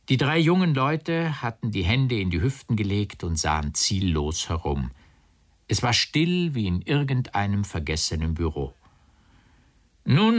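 A man reading a literary text aloud as an audiobook narrator, with an expressive, dramatic delivery. His somewhat low voice moves in a very lively way. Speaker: audiobook reader.

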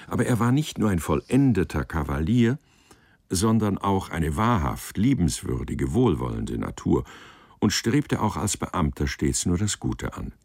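A man narrates a literary story with measured expression. His voice is very deep and moves through a lively pitch range. The recording is dry with no room sound. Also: vocal fry, no echo.

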